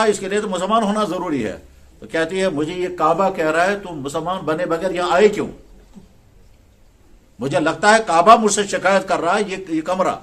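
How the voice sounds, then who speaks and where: A man's voice: high-pitched, a bit bright. A male Islamic scholar giving a religious talk in style storytelling, acting out quoted dialogue in a conversational way.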